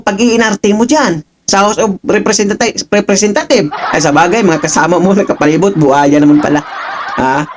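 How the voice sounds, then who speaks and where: A man's voice: high voice, noisy background. A man giving mocking reaction commentary as a political vlogger, laughing often and taunting with rhetorical questions. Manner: taunting, laughing, keeps asking "ha?".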